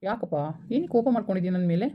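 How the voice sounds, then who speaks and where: Skit: woman playing a pleading boyfriend, rapid-fire talk through a tinny phone line. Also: mid-range voice, lightly acted. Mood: coaxing. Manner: pleading, explaining over and over. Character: pleading young man, apologetic boyfriend. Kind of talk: village skit phone-call acting.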